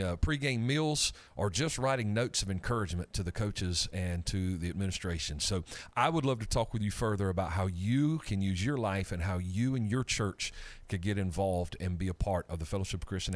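A man's voice: deep voice, moderate pace. A man hosting a weekly faith radio show, upbeat and chatty, with many fillers and restarts as he interviews a guest and promotes a ministry.

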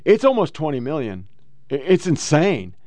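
A man's voice: a little high, big pitch swings, moderate pace, a little mellow, no room sound. An American man hosting casual political commentary, blunt and full of swearing. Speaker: host.

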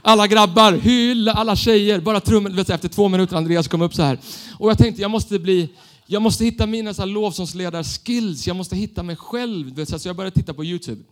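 Male preacher, fairly high voice, lively self-mocking storytelling sermon. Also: few pauses.

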